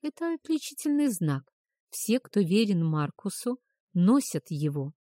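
A woman voicing a female werewolf who explains things in a hushed, low, matter-of-fact tone. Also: big pitch swings, a little slow, no room sound, studio quality. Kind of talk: audiobook character voice.

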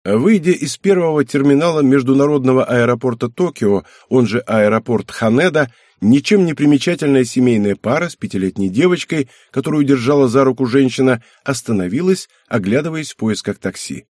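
A man narrates an audiobook in a steady, measured way. His voice is husky and sits at a middle pitch, recorded dry and close. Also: dry recording. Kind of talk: scripted narration.

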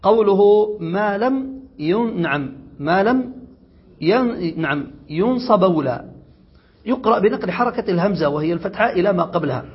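Husky high-voiced man teaching grammar. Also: lively intonation. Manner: reads a passage, then explains it slowly with questions to students. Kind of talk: classroom lesson reading and explaining a text. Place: classroom or study circle. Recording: dull lo-fi classroom recording.

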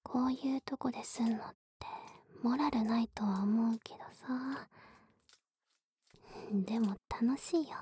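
Slow, breathy woman whispering intimate pillow talk. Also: on the high side, dark tone. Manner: teasing, coaxing, at times baby talk.

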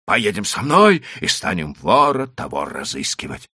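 A man voicing a desperate, hot-tempered male landowner who pleads and exclaims loudly in an audiobook. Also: low voice, wildly swooping pitch, normal speed, slightly rough, dry recording, clean studio sound, full character voice. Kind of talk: audiobook character voice.

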